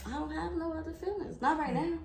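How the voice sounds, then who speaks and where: A woman's voice: very high-pitched, fairly quick, vocal fry. A young woman vlogger, earnest and reflective, talking openly with her father over a meal. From United States. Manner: earnest and reflective, repeats herself for emphasis. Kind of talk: heartfelt sit-down conversation over a meal. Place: indoors at a table. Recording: echoey room with faint background noise.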